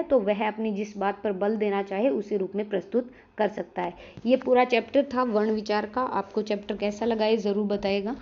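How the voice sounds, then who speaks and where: A woman's voice: medium pitch, a little mellow. A woman teaching a grammar lesson online, explaining step by step and talking straight to her viewers. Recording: dull lo-fi recording.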